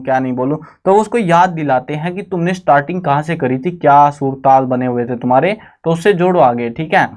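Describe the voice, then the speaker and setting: A young adult man teaching a Hindi poem to students, reading each verse slowly and then explaining it in chatty, everyday speech mixed with English words. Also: a little high.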